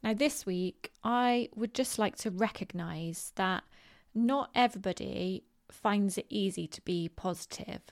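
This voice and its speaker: A woman with a West Country accent from southwest England talks casually as a solo podcast host. Her pitch is average for a woman. She is informal and chatty, often hesitating with ums as she finds her way through a thought. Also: unhurried. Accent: West Country English. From Bristol, southwest England.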